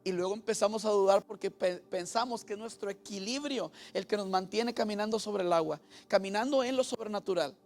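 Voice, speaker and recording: A man's voice: sits high, brisk, few pauses, darkish tone, faint music behind. A Mexican man preaching a bilingual sermon as pastor, going back and forth between Spanish and English and asking his congregation questions. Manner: switches between Spanish and English, repeating each point; asks the congregation questions and has them repeat.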